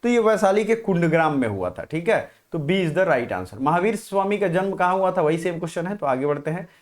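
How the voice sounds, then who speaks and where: A man's voice: high-pitched, sing-song, brisk. A man teaching a live online exam-prep class, firing questions at viewers, answering them and reading their comments.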